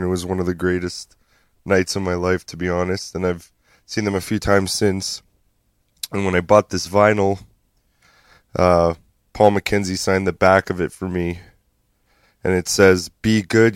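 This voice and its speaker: A man hosting a radio show, talking in a relaxed, chatty way between records. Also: deep voice, clean tone, no echo, studio quality. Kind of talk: casual radio DJ talk.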